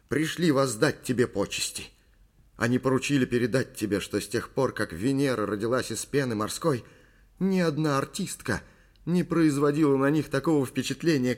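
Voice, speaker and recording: A man's voice: mid-range voice, voice pushed up, close to an everyday voice. A cocky young man plays the gallant with a lifted, showy voice, as a male audiobook reader puts him on. He soothes and boasts in the same breath. His delivery leaps about with theatrical flourish. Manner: playful, mock-grand, reassuring.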